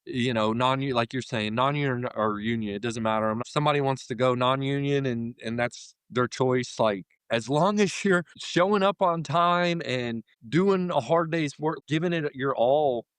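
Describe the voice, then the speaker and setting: Here the American union carpenter from Florida, in his thirties, rambles conversationally as a guest on an interview. His mid-range voice has a clean tone and a moderate pace with few pauses, and no room sound is audible.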